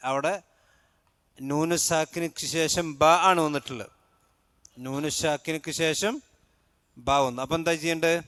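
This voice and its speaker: A man teaching a Quran recitation class, who chants verses slowly and then explains the rules, asking his class questions. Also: fairly high pitch, fairly bright tone, clear, resonant tone, dry recording. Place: mosque.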